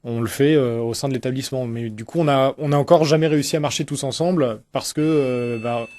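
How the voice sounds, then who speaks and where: Un homme, enseignant invité à la radio, qui explique spontanément en hésitant et en répétant des mots. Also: male voice, medium pitch, steady tone, a little fast, darkish tone, no room sound. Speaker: interview guest, teacher. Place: close dry radio microphone.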